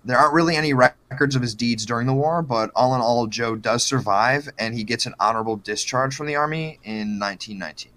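A man's voice: medium pitch, brisk, hardly any pauses, bright, forceful tone. A man co-hosting a podcast, telling a true-crime story in a joking, profane, casual way. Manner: joking, profane, lots of fillers.

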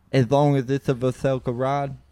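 A man in casual podcast chat, animated and joking, swearing freely. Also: medium pitch, slight background noise.

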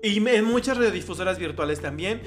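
A man with a Mexican accent co-hosting a podcast in casual chat, playful and quick to burst into shouts and sung snippets. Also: high voice, animated, soft background music. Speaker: podcast co-host.

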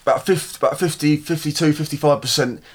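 A man's voice: a little high, steady tone, fast. A young man, a guest on a casual podcast, joking in dry, crude banter. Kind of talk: casual chat.

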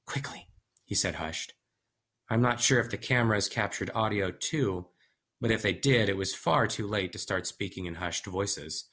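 A man narrating a first-person audiobook in a measured, steady storytelling manner. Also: on the low side.

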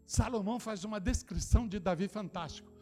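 A middle-aged Brazilian pastor from São Paulo preaching a sermon, moving between quiet, close asides and shouted declarations, repeating phrases straight to the congregation. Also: male voice, a little fast, soft background music. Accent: Brazilian Portuguese, São Paulo. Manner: impassioned preaching that swings from low, intimate asides to shouted declarations.

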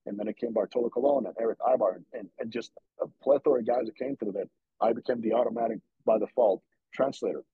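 Speaking fast with a breathy edge at medium pitch, the former Dominican player now broadcasting tells earnest, animated interview stories, doing voices for those he quotes. The sound is dry and phone-quality.

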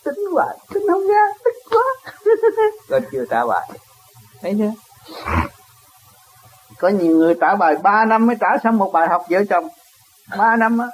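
Southern vietnamese man giving a dharma talk, high voice, a bit husky, keeps asking "see?" and chuckling. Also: very animated, normal speed, pauses often, rough recording. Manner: chuckles often, asks rhetorical questions. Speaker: spiritual teacher. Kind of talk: dharma talk answering a question.

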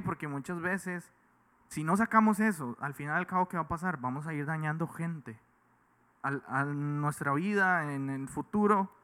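A man, speaking a little higher than most men, with a bright, forceful tone. He exhorts his listeners earnestly, the way a preacher would, in an easygoing faith conversation. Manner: earnest, exhorting, mimics others in quotes. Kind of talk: casual faith talk, preaching tone.

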